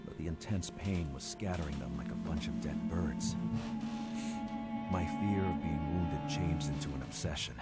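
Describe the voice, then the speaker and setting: A haunted, injured narrator in a game, speaking in an extremely deep, hushed voice. His lines sound full of dread. Loud music plays beneath the game audio. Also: measured pace. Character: wounded male narrator, dread-filled and haunted.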